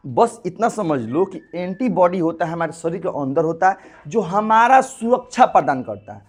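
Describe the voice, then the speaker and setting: A man's voice: high voice, sing-song, moderate pace, slightly rough. A young male teacher giving a classroom lecture, often asking the class questions and acting out the body with sound effects.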